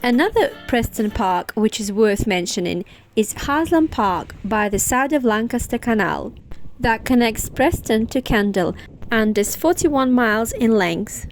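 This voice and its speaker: A woman's voice: a little high, animated, a little slow, poor audio. A woman vlogger giving scripted, informative travel narration. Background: music.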